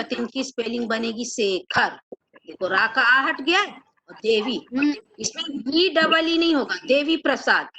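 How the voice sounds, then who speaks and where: Bright high-pitched woman teacher. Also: slight background noise, rough recording. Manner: asks and answers her own questions. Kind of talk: classroom lesson.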